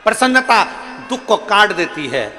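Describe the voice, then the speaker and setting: A man preaching a devotional sermon in a fairly high, sharp and bright voice, repeating his lines for emphasis and slipping into character voices for his stories. His voice carries a long hall reverb, with faint music underneath. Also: very animated, normal speed. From India. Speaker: kathavachak preacher.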